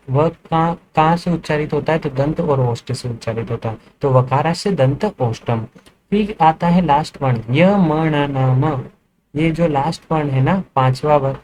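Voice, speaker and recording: A man with a slightly raised pitch teaches a lesson, walking through each point and posing questions that he answers himself. Faint noise sits under the voice. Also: darkish tone, poor audio. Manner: explains step by step, asks and answers his own questions. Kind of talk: classroom lecture.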